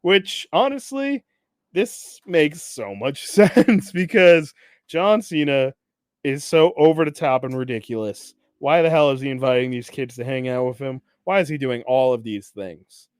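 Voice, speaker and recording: Here's a podcast host, a young man recapping TV episodes at an unhurried pace and in a clean tone. Animated and quick to laugh, he voices the characters' lines with sudden shifts in pitch and loudness. The studio sound is clean, with no room sound.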